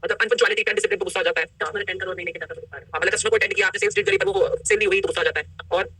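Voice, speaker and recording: Brief: woman workshop coach on a video call, tense, bright delivery, coaxing the group with questions, dry close sound. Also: mid-range voice, fairly even intonation, racing, husky, no echo. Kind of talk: live online workshop teaching. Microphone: laptop mic on a video call.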